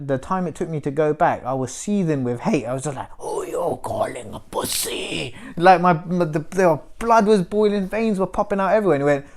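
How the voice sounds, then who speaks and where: A man tells a rowdy tale in relaxed podcast chat. He laughs at himself as he goes and swears freely. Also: high-pitched. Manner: laughs at his own story, swears freely. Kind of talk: casual storytelling.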